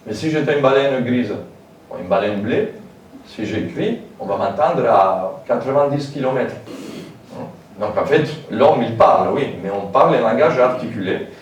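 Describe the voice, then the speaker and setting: A man's voice: medium pitch, expressive, normal speed, dull audio. A man giving a public lecture in a hall, informal and hesitant, with many fillers and asides. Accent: French with a foreign lilt. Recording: very echoey hall, distant mic, faint noise.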